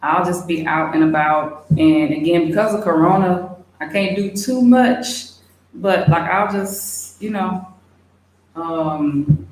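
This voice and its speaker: A young woman chatting casually, reading out and answering viewer questions in a relaxed way with many fillers. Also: on the low side, takes it slowly. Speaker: expat vlogger. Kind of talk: casual livestream Q&A. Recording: very echoey room, faint hiss.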